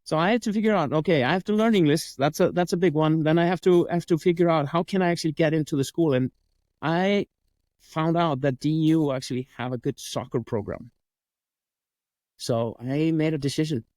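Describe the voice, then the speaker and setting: A man's voice: on the high side, brisk, a little mellow, dry recording. A man from Iceland with an Icelandic accent, a coach and sales trainer telling his story as an interview guest, acting out the dialogue as he goes.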